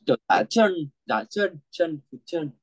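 Female student with a Vietnamese accent, hesitant and playful, slow reading, dry close sound. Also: on the low side, gravelly, a little mellow, dry recording. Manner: hesitant, playful, questions the teacher. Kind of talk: reading practice in a lesson.

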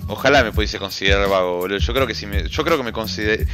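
A man's voice: on the low side, fast. Slangy Argentine man chatting over music. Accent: Argentine Spanish. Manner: slangy, loose, swears often, rambling. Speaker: streamer. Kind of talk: casual chat reading a live chat. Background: background music.

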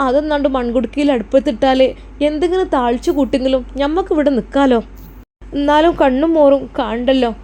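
Woman reader doing a loving village mother from a storybook, high, pleading, Malappuram accent. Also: fairly quick, warm tone, lightly acted. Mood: gentle. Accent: Malappuram Malayalam. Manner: tender, pleading, calls her daughter dear. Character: older mother, loving and anxious, village homemaker.

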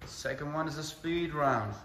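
A man's voice: on the high side, normal speed, fairly bright tone. A man working as a kickboxing coach, giving short, commanding, encouraging cues and countdowns to a class. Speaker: kickboxing coach leading a heavy bag class. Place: indoor kickboxing gym with mats and mirrors. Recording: echoey gym with clear background noise, clicks.

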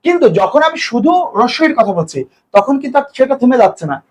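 A man teaching an exam-prep grammar lesson, explaining step by step, asking questions and answering them himself, and drawing out example words slowly. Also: extremely high pitch, lively intonation.

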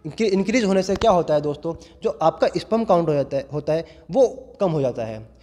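An earnest young gym owner in his twenties, talking to viewers as friends, explains fitness in a large indoor gym with a fairly high, warm, animated voice and a slightly fast pace. His lapel mic is held in hand, and the recording carries the long reverb of the hall.

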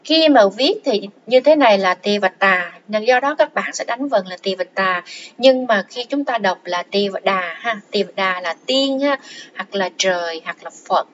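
A woman teaching a language lesson, explaining song lyrics word by word in a patient way and repeating each word slowly. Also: mid-range voice, expressive, a bit bright, lo-fi sound, a little hiss or hum. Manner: patient, repeats words slowly, many fillers.

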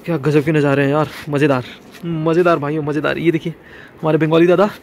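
A man vlogging from a hotel balcony in the snowy mountains, excited and chatty, slipping English phrases into his talk and coughing now and then. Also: fairly high pitch, quick pace, a little hiss or hum. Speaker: travel vlogger. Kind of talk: casual vlog narration.

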